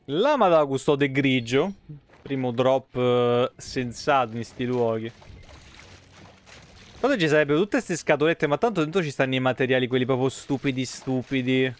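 A live streamer in an indoor room gives casual, sweary, exclamatory commentary on a game over his webcam stream. His medium-pitched voice is animated and moves at a normal speed. Game sound effects and ambience run behind his voice.

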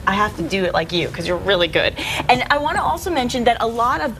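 A woman's voice: medium pitch, sing-song, racing, very noisy. A woman hosting a TV cooking segment, bubbly and enthusiastic as she asks her guests questions. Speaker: TV host. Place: TV studio kitchen set.

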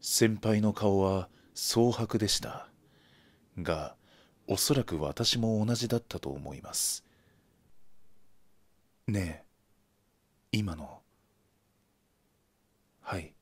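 A man narrating a scripted ghost story in a measured, hushed storytelling manner. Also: on the low side.

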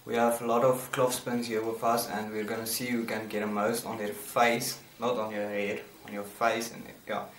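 A man's voice: lowish voice, flat delivery, normal speed, hardly any pauses. A teenage young man chatting casually to camera as host of a challenge video. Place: indoor room with bare walls. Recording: roomy, distant mic, faint noise.

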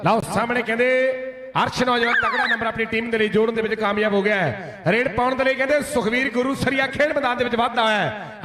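High-pitched excited Punjabi kabaddi commentator, man. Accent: Punjabi, from Indian Punjab. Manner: chanting, repeats phrases, declaiming. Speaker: kabaddi match commentator and announcer. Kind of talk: excited rural sports commentary. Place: outdoor village kabaddi tournament ground. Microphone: public-address microphone. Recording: echoey PA system, crowd noise.

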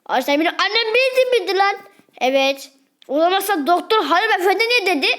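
A woman's voice: extremely high pitch, lively intonation, fast talker, a bit bright, pitched above the performer's own voice. A woman voicing a cheeky, bratty child who talks back to their mother with whiny, squealing questions.

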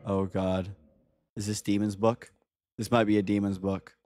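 A man's voice: fairly low pitch, little pitch movement, moderate pace, darkish tone, slight background noise. A young man streaming a horror game from home, commenting casually and jokily while sounding scared and reacting aloud in outbursts. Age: young adult. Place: small room at home.

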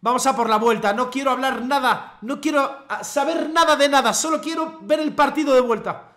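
A man from commentating his own football video game match, cheering loudly at goals and repeating his phrases. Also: very high-pitched, moderate pace. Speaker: gaming youtuber. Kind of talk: excited live gameplay commentary.

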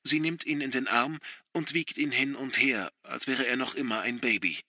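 Male audiobook narrator, bright and dry. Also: medium pitch, moderate pace, no room sound. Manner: steady, dramatic storytelling. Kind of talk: scripted thriller narration.

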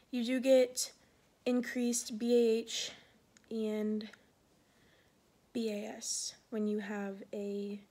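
A woman's voice: on the high side, dark tone. Pregnant young woman, breathless vlog chat. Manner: rambling, many fillers like "like" and "um". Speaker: Air Force security forces member.

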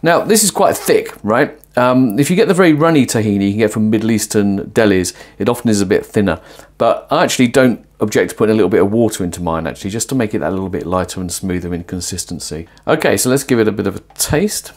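A man in his forties presents a cooking and philosophy video, talking to camera while he cooks in a small home kitchen. His talk is casual, explanatory and musing, with lively emphasis, delivered quickly in a lowish voice through a lapel mic.

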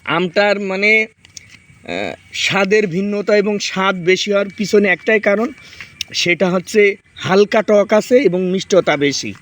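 A man's voice: sits high, a little slow, a bit bright. A man in his thirties from Bangladesh, chatting casually outdoors in a garden as he demonstrates fruit and directs his children. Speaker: farming vlogger. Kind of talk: casual outdoor demo chat.

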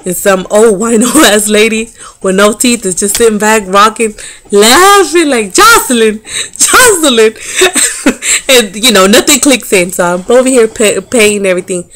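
A woman in her thirties telling a story to camera in a casual vlog, animated and profane, with sassy, dismissive asides and frequent laughter. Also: mid-range voice, normal speed. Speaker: vlogger.

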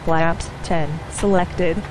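Woman sim pilot, clipped cockpit headset radio calls, lower voice, constant background hum. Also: fairly even intonation, extremely slow. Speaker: flight simulator pilot.

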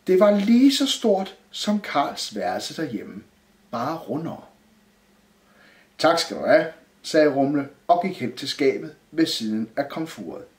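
A man reading a children's Christmas story aloud in a lively storytelling manner. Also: medium pitch. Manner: lively, sing-song storytelling. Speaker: narrator. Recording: roomy echo.

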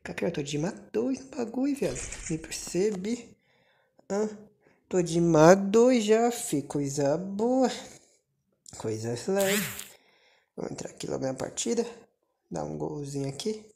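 Woman streamer, low voice, hushed excitable game commentary, noisy audio with clicks. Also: a little slow, vocal fry, long pauses. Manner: keeps voice down, can't narrate loudly; excitable, swears and groans at missed shots. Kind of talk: live mobile shooter gameplay commentary.

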